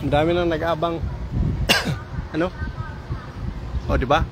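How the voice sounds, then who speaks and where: Walking through a daytime park beside a pond, a Samar man vlogs on his phone in a fairly high voice at a slow pace. Heavy background noise surrounds his chatty, excited talk to viewers, whom he calls "idol."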